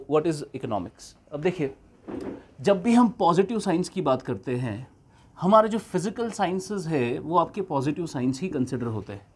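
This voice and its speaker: A man teaches an online economics class, moving between slow, deliberate English and quicker Hindi while repeatedly checking that the class understands. His voice is a little high, and there is slight background noise.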